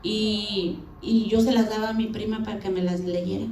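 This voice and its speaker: A woman's voice: mid-range voice, fairly even intonation, moderate pace, a little mellow, a little hiss or hum. A middle-aged woman giving a spoken church testimony, storytelling and acting out both sides of the dialogues. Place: church hall. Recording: echoey church hall, faint ambience.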